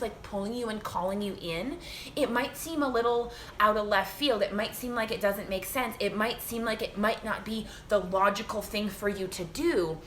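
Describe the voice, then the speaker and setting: A woman giving a live spiritual reading from home, talking gently and repeating herself, with many fillers and restarts. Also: a little high, a little hiss or hum. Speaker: spiritual reader.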